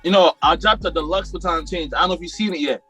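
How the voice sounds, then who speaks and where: Young rapper guest from Jamaica, slightly high voice, relaxed and rambling over a video call. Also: male voice, fast, breathy edge, soft background music. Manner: laid-back, rambling, many fillers. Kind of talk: casual interview chat.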